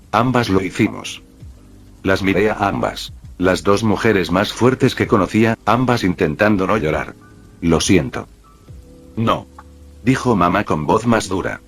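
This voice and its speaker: Low husky male storyteller. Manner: reads every figure in his own voice. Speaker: narrator. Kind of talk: scripted fanfic narration. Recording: soft music behind.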